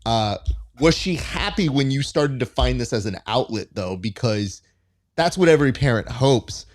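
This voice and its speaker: A man's voice: medium pitch, lively intonation, moderate pace. A man hosting an interview, asking questions in a chatty, joking way. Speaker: podcast host, interviewer. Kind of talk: conversational interview.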